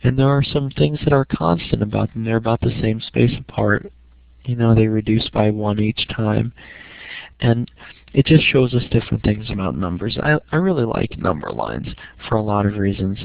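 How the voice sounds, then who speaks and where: A man's voice: lowish voice, animated, moderate pace, gravelly, dry recording. A middle-aged man giving an informal, step-by-step lesson as a teacher, often checking in with "okay". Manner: checks understanding with frequent "okay". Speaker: math teacher. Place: small room at home. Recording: dry, dull lo-fi home recording.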